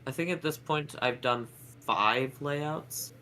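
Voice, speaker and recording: Chatting casually on a game stream, a man speaks slowly at a medium pitch with a sharp tone. A head cold has left him congested with a blocked nose, and background noise comes through clearly.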